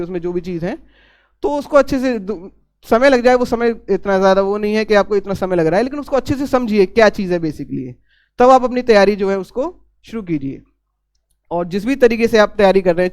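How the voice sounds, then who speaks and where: A young man giving earnest exam-preparation advice in a casual talk, pausing on fillers and restarting his phrases. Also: sits high, clear, resonant tone. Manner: earnest, repeats himself, frequent fillers and restarts.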